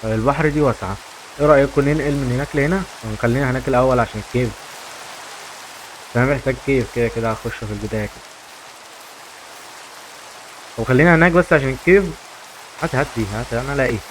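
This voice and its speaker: With slight background noise, a young man with an Egyptian accent speaks in a mid-range voice, rapid-fire but pausing often. As a gaming YouTuber, he chats casually to viewers while playing a survival game, repeating himself along the way.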